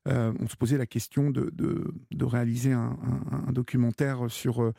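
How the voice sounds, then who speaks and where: Male radio host, gravelly voice, halting with lots of fillers, dry close sound. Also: medium pitch, little pitch movement, dark tone, no room sound. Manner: halting, many fillers and repeated words. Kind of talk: radio call-in hosting.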